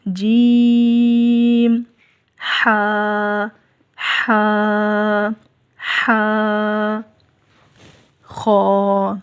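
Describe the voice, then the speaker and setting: A woman with an Urdu accent teaching Quran letter pronunciation, stretching each sound and correcting firmly. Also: fairly high pitch. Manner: drawn-out letter sounds, firm and instructive. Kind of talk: slow step-by-step recitation lesson.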